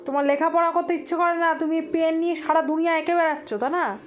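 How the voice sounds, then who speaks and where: A woman's voice: extremely high pitch, quick pace, slight background noise. A woman, a mother scolding her young daughter at home in a firm, coaxing, repetitive way, with mild threats. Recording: loud music over the voice.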